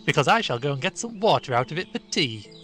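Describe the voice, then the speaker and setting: Cheeky, scornful schoolboy scout done by a male narrator, raised high and loud, sneering. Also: sing-song, fast. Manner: insolent, sneering.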